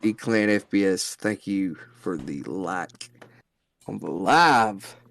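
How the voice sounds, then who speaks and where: A man's voice: low-pitched, animated, takes it slowly, gravelly, a bit bright. A man co-hosting a casual livestream, loose and profane in his talk, chatting with viewers and reading a spooky legend aloud. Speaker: livestream co-host.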